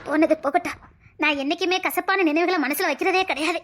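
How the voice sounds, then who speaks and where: A woman's voice: extremely high pitch, quick pace, fairly bright tone. A woman with a Tirunelveli Tamil accent playing a tearful, long-suffering wife who stays devoted to her husband. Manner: tearful, earnest, emotional. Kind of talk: family drama skit.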